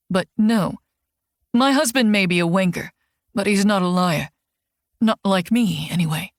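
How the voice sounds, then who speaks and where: A woman's voice: medium pitch, no room sound. A woman narrates a first-person audiobook with a wry, sardonic edge. Her voice sits in the middle range for a woman. The reading is dry and close, with no room sound. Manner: wry, sardonic inner monologue.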